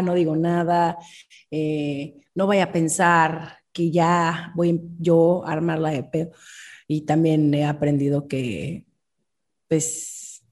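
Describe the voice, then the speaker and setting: Young Mexican woman, expressive podcast guest, husky tone. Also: fairly low pitch. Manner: expressive, animated, acts out quotes. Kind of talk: casual podcast chat.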